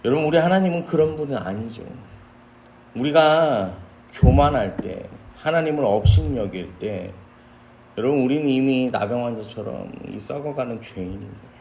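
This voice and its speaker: 진지하게 설교하는 남성 목사. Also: male voice, medium pitch, expressive, normal speed, a little mellow, a little hiss or hum. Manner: earnest, addresses the congregation often. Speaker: pastor. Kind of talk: sermon. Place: church sanctuary.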